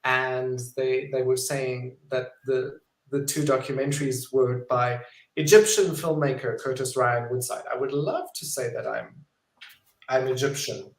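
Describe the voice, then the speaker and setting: A documentary filmmaker answering interview questions in a friendly, chatty way, with frequent ums. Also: male voice, medium pitch, fairly even intonation, unhurried. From South Africa. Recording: roomy echo.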